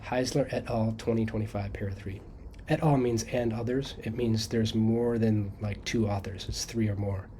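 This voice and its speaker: A man's voice: on the low side, steady tone, moderate pace, mellow, slight background noise. A man teaching college students how to quote sources, talking conversationally and checking in often with "okay?". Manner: thinks aloud with fillers and restarts. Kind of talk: casual screen-share lecture.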